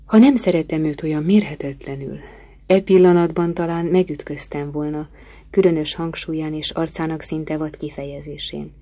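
A woman's voice: deep voice, steady tone, warm tone. A woman narrating a novel aloud in an earnest, heartfelt reading. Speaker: audiobook narrator.

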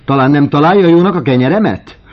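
A man voicing a shrill-voiced middle-aged woman who keeps a boarding house, with a sharp, scolding manner, on a dull lo-fi recording. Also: fairly even intonation. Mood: indignant.

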